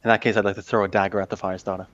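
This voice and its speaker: A man's voice: lowish voice, flat delivery, very fast, a bit bright, lo-fi sound. A man playing an assassin in a tabletop game, describing his moves with hesitant restarts. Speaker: player. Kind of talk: casual tabletop game chat.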